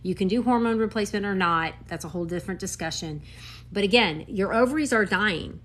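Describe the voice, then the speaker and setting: A woman in her fifties, a doctor, talking casually to camera in an animated, emphatic way with quick asides. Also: medium pitch. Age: 50s.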